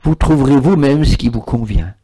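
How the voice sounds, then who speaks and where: A man's voice: mid-range voice, expressive, normal speed, mellow, breathy edge. A man, giving a spiritual talk and taking questions from an audience, repeating words for emphasis. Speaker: spiritual speaker.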